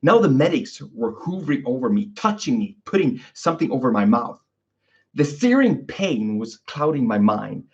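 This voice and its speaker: Speaking at normal speed in a very animated mid-range voice, a Swedish podcast host who works as a physiotherapist talks casually, frequently adding "okay?" and "you know." The audio quality is dull and lo-fi.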